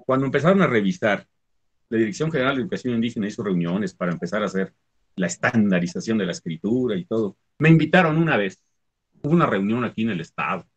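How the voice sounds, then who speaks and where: A man's voice: on the low side, lively intonation, quick pace, husky. A man from the Huasteca region of Mexico with a Mexican Spanish accent, a Nahuatl teacher explaining spelling and pronunciation in a conversational talk, often checking in with the listener.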